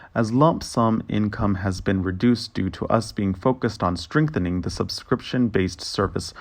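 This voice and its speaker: A man giving a translation voice-over as interpreter, with a steady, formal reading of a financial results briefing. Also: on the low side.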